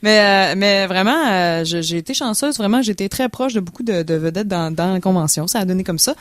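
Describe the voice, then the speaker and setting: A woman's voice: mid-range voice, fairly quick, no echo, clean studio sound. A young woman with a Quebec French accent, chatting as a guest on a radio show, full of fillers and restarts. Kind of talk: casual radio chat.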